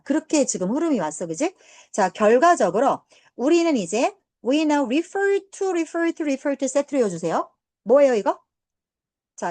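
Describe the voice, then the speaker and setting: Lively high-voiced Korean woman teaching English. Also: dry recording. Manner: chatty, banmal asides, quick tangents. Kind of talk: lecture mixed with casual storytelling.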